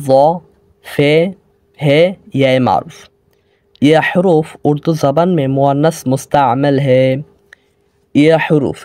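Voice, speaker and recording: Man teaching a slow methodical lesson. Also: on the high side, a little mellow, dry recording, studio quality. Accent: Bangladeshi Bengali. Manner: slow, repeats sounds to demonstrate pronunciation. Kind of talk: online grammar lesson.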